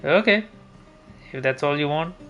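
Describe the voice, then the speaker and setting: On a muffled recording, a man with a fairly high, animated voice talks at a moderate pace in a bright, forceful tone. He's livestreaming a video game, chatting casually and thinking aloud in a rambling, hesitant way, with game music playing behind him.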